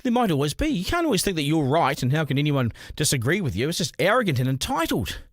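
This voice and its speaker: A man's voice: fairly high pitch, sing-song, fast, no room sound, studio quality. A man, hosting a podcast with a blunt, opinionated monologue. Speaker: podcast host.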